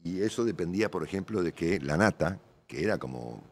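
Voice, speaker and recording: A man's voice: sits low, lively intonation, fairly quick, slightly rough. A middle-aged Argentine man, a veteran radio journalist, talking casually and at length in an interview, full of tag questions. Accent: Argentine Spanish. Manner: colloquial, rambling, frequent tag questions.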